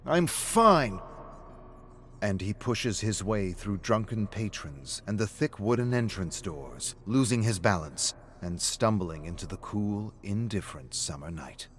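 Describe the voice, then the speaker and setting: A man reading a story aloud on a live stream in a steady, subdued narrating voice. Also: on the low side, unhurried, hardly any pauses, faint music behind.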